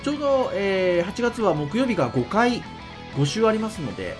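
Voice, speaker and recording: Lively, higher-pitched man, ultra-polite podcast host. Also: moderate pace, music in the background. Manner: ultra-polite, very formal honorific Japanese. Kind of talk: podcast casual chat in polite speech.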